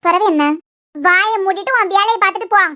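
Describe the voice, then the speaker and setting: Woman doing a young wife, curt and sarcastic, Kanyakumari Tamil accent, fast, dry sound. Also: very high voice, bright, forceful tone, no room sound. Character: sulky sharp-tongued young wife. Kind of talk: cartoon web series voice acting.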